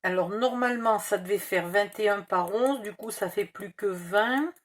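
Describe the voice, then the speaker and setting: A woman with a slight Provençal accent speaks at medium pitch and a moderate pace. She hosts a casual crafting tutorial, muttering measurements as she thinks aloud and correcting herself.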